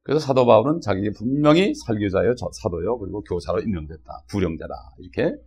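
A man delivering a sermon in a loose, conversational way. His voice is husky. He keeps turning to the congregation with short questions as he preaches. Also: lowish voice, animated, a little fast, darkish tone. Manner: conversational preaching with frequent "어?" and "예?" checks. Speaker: pastor.

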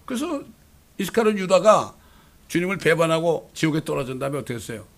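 A man's voice: a little high, very animated, fast. A middle-aged man preaching a sermon, asking the congregation rhetorical questions and pressing his points with emphasis. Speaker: pastor.

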